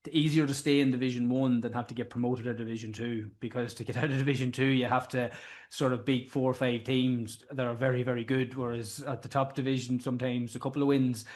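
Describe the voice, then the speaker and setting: Fast-talking Irish man chatting sport. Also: medium pitch, flat delivery, darkish tone. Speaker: Gaelic football pundit. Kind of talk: casual sports chat.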